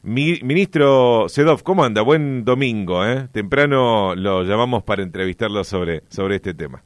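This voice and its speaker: A man's voice: fairly low pitch, animated, normal speed, no echo. A man hosting a radio interview, asking questions in a chatty, friendly way from the studio. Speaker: radio host.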